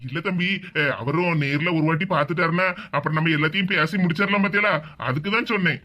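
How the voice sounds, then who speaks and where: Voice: medium pitch, fast, lo-fi sound, heavy background noise, lightly acted. A performer voicing a cautious, polite marriage broker who hems and hesitates, in a Tirunelveli Tamil accent. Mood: hesitant.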